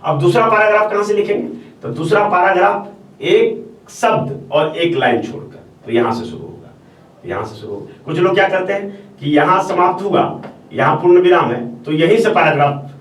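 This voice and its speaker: A man's voice: high voice, normal speed. A male teacher giving a step-by-step classroom lecture on answer writing, repeating phrases and checking in with the class as he goes. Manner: explains step by step, repeats phrases, often says "ठीक है". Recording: echoey room, voice from far off, faint hiss.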